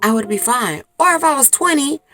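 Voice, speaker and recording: A woman in her forties chatting to camera from inside a small clothes closet, telling a story in a chatty, expressive way. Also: high voice, brisk, soft background music. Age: 40s. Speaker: vlogger. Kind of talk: casual chat to camera.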